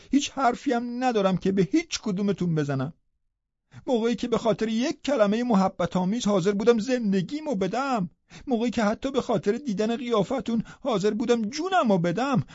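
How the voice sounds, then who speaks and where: A man's voice: high voice, animated, darkish tone, no echo, highs cut off, pitched above the performer's own voice. A man voicing a proud, scornful young woman in an audiobook, speaking bitterly and cuttingly. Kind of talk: audiobook character voice.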